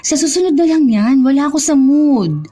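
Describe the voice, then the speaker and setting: A woman playing an impatient, high-voiced girlfriend. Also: lively intonation, moderate pace, warm tone, faint music behind. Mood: annoyed. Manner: irritated, dismissive. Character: busy young girlfriend, tired and impatient.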